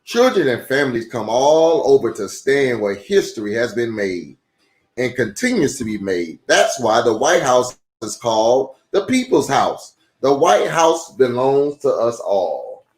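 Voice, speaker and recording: A pastor leads a children's storytime, reading a book aloud expressively at a measured pace and medium pitch. He speaks straight to the young listeners with exclamations and rhetorical questions, while music runs beneath the roomy echo.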